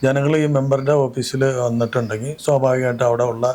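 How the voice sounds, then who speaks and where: Male local candidate in an interview, mid-pitched, earnest, methodical. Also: fairly even intonation, mellow. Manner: earnest, measured, lists plans point by point. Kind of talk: interview answers.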